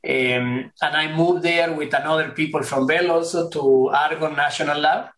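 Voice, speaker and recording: A man's voice: fairly high pitch, steady tone, moderate pace, a bit bright, echoey room, low-quality recording. A middle-aged man from Argentina. He answers webinar interview questions courteously, often repeating words as he searches for them. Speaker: guest professor.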